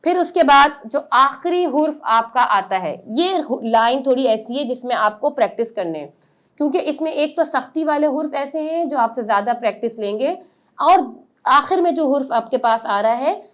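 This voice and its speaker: A woman teaching Quran letter pronunciation step by step, explaining patiently and then drawing out each letter sound slowly and loudly. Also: high voice, lively intonation.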